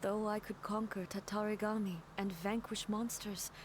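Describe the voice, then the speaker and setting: A woman's voice: mid-range voice, flat delivery, background noise, natural voice. An actress voicing a solemn, regal female god-ruler in a game, speaking with grave resolve. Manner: slow, measured, grave delivery. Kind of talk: game character dialogue.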